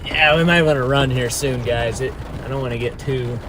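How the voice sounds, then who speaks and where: A man's voice: mid-range voice, moderate pace. Man live storm chasing, noisy vehicle background. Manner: informal, urgent watchful narration, repeating himself. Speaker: storm chaser livestreamer. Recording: clear vehicle and ambient noise. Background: vehicle and outdoor ambient noise.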